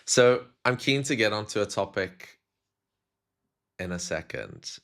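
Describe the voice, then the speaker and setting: A man's voice: on the low side, lively intonation, a little slow, a bit bright. A man from South Africa hosting a podcast, affirming his guest and asking questions in casual chat. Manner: affirming, with frequent 'yeah' replies. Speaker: podcast host.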